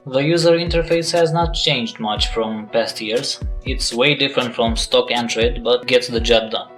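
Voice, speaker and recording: A man with a Russian accent hosting and narrating a phone review in a plain-spoken, relaxed way. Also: medium pitch, creaky, rough recording. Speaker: tech reviewer host.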